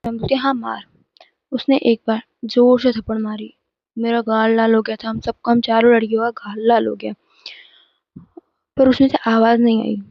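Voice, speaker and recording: A woman's voice: fairly high pitch, level tone, moderate pace, no room sound, highs cut off. Chatty teenage girl telling a story. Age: teens. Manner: chatty, emphatic retelling with frequent restarts. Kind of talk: casual storytime vlog.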